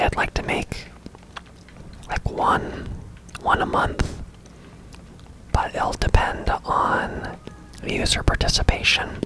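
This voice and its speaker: A person whispering softly and casually in a breathy, unvoiced voice as an ASMR gaming host. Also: poor audio. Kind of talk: whispered ASMR game commentary.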